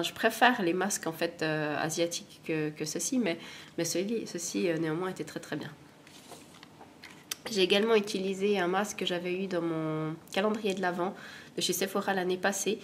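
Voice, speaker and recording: Chatty woman with a cold, low voice. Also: slight background noise. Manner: chatty, rambling, self-deprecating. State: has a cold. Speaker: beauty vlogger. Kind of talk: casual product review chat.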